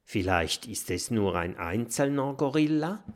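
A man's voice: mid-range voice, lively intonation, a little slow, lightly acted. A man voicing a timid, jumpy young male friend who is easily startled, in a storybook reading. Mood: plain.

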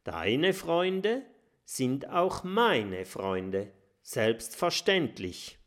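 A man voicing a huge, gruff jungle tiger in a children's story, who roars and then turns fawning. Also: mid-range voice, sing-song, extremely slow, voice pushed up. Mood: smarmy. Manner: loud roaring outbursts, then smarmy politeness.

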